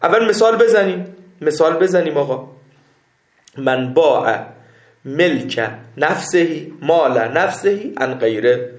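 A man teaching a seminary class, reading Arabic text slowly and explaining it step by step, often checking that his students follow. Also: on the high side, lively intonation, echoey room. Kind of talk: classroom lecture on Islamic jurisprudence.

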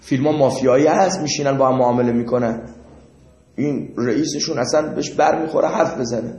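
A man's voice: medium pitch, darkish tone. A man teaching a class, explaining through examples and putting questions to his students. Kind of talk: classroom lecture. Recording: echoey room, muffled lo-fi sound.

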